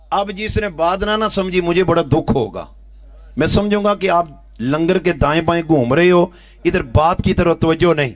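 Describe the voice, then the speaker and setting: A man delivers a fervent sermon in a high, sharply bright voice. He tells a story softly, then rises into shouted exhortation. The sound is close and dry. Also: no room sound. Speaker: religious preacher. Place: outdoor religious gathering with a crowd.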